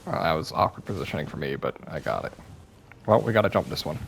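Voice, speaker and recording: A man's voice: very deep voice, animated, fast, vocal fry, a little hiss or hum. A young man giving casual, self-deprecating commentary over his gameplay, sounding a bit worn out and apologizing often. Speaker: gaming YouTuber.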